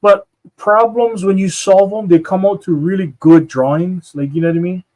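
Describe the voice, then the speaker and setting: A man's voice: high voice, steady tone, normal speed, darkish tone, low-quality recording. A man co-hosting a casual art stream, rambling with lots of fillers and "you know what I mean". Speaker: co-host and illustrator.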